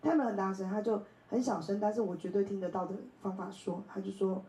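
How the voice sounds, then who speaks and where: A woman's voice: medium pitch, fast talker, echoey room, low-quality recording. A woman in her thirties from Taiwan, speaking, tells personal stories at a bookstore talk, often laughing and acting out other people's voices. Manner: animated, laughs often, acts out quoted voices. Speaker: invited speaker. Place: bookstore event space.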